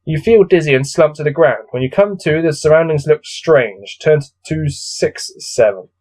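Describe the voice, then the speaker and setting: His voice is a little high and animated, with a darkish tone and a moderate pace. He's coming down with a cold as he reads a gamebook aloud alone, peppering it with weary, grumbling, exasperated remarks.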